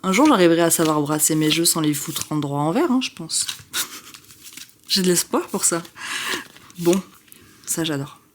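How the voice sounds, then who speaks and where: Casual vlogger, young woman, lower pitch, talkative and easily excited, faint hiss. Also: measured pace, long pauses. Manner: chatty, excitable, self-interrupting with many fillers. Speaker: tarot vlogger. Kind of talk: casual chat.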